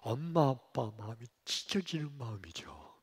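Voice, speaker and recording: A male pastor telling a sermon story with emotion, swinging from hushed to loud, in a church sanctuary. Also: mid-range voice, lively intonation, moderate pace, slightly rough. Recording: long church reverb.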